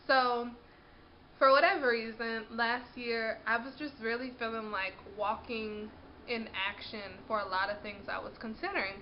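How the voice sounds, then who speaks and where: A woman's voice: on the high side, steady tone, moderate pace, dull audio, a little hiss or hum. A woman in her twenties chatting to camera in a vlog, congested from a cold and sniffling, talking casually and laughing often. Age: 20s. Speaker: vlogger.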